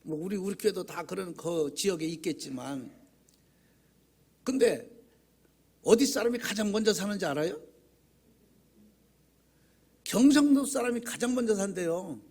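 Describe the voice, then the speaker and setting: A man preaching from a church pulpit with a husky, high-pitched voice. His pitch swings widely as he tells folksy, humorous stories. He speaks conversationally and keeps posing rhetorical questions to the congregation. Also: expressive, unhurried, long pauses, a little mellow. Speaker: pastor. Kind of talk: sermon. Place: church sanctuary.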